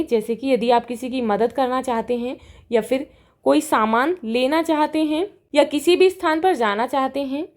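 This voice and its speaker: Woman teacher, high pitch, patient worksheet walk-through. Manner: reads English lines slowly, then explains in Hindi. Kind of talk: worksheet lesson explanation.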